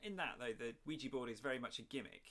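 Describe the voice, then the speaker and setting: A man's voice: mid-range voice, fast, a loud crowd. A man co-hosting a podcast in casual chat, making dry wisecracks and sharing trivia. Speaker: podcast co-host.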